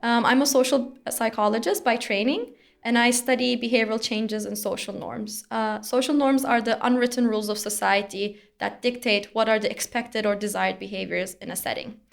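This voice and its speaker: A young woman from Turkey, a researcher explaining her work in an interview in a measured way, with occasional fillers. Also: fairly high pitch, fairly even intonation, creaky. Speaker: researcher guest.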